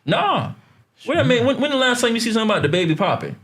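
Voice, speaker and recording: In a studio, a podcast host chats casually and teases his co-hosts, his voice extremely high and a bit bright, swinging widely in pitch at a rapid-fire pace. He's laid-back and often trails off with fillers.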